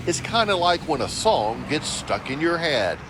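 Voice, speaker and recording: A man reporting a news feature in measured scripted narration. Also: a little high, very animated, background noise.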